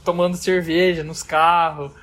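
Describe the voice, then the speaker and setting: A man's voice: a little high, level tone, unhurried, fairly bright tone. Laid-back Brazilian guy telling a story. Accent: Brazilian Portuguese. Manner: loose slangy storytelling, full of fillers. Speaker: podcast guest telling a travel story. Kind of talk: casual chat.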